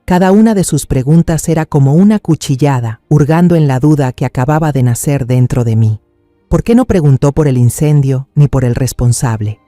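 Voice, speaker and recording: A man narrating a family drama in a measured, somber, suspenseful way. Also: medium pitch, expressive, mellow, no echo, clean studio sound, soft background music.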